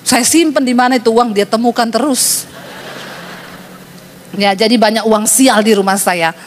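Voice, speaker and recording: High-voiced woman preaching a lively sermon. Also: moderate pace, a little hiss or hum. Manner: lively storytelling preaching, teasing the congregation. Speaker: pastor.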